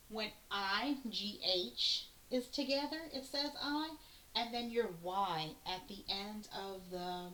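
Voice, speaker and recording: A woman teacher walks young children through a phonics lesson, sounding out each word slowly and patiently. Her voice sits at a middling pitch and carries the echo of a hard-walled room. A faint hiss runs under the recording. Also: fairly bright tone. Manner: slow, patient, sounding out words letter by letter.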